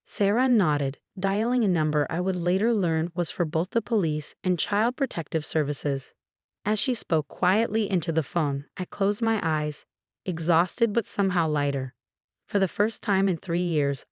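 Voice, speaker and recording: A woman narrates a first-person story in a steady, even read. Her voice sits low, and the recording is dry and close, with no room sound. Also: no echo.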